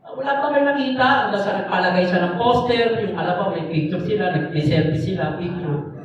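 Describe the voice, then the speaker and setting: A lay preacher with a high voice speaks briskly, telling a story in his sermon in a loose, conversational way with many tag questions and fillers. The lo-fi recording comes from an echoey hall, with the mic far off and faint noise.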